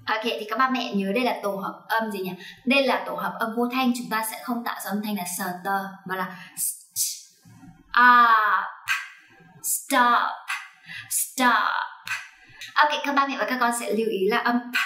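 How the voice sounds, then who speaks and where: A woman's voice: fairly high pitch, quick pace, bright, forceful tone, reverberant, faint music behind. A woman teaching English pronunciation to parents and children, coaxing and checking along as she goes. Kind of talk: online phonics lesson for parents and children.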